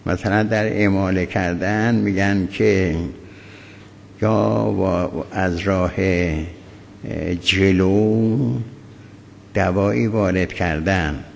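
A man, a cleric, teaching a religious law lesson in a measured, halting way with many pauses and fillers. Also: sits low, fairly even intonation, vocal fry, a little hiss or hum. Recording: echoey hall, faint ambience.

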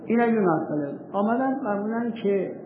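Male law teacher, high voice, rhetorical questions, tinny phone-like echoey hall recording. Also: lively intonation, noisy background. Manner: reads old texts slowly and deliberately. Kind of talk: seminary lecture.

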